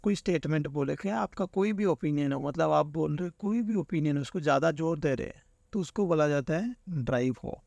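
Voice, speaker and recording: Gravelly-voiced male teacher explaining. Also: fairly high pitch, fairly quick, a little mellow, no echo. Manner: explains with everyday examples, keeps saying "theek hai". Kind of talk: exam-prep lesson.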